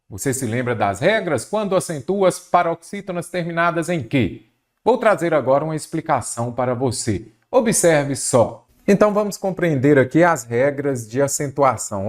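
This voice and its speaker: A man's voice: medium pitch, darkish tone. A middle-aged man with a Brazilian Portuguese accent, teaching a grammar lesson for exam prep, repeating rules and quizzing the listener with rhetorical questions.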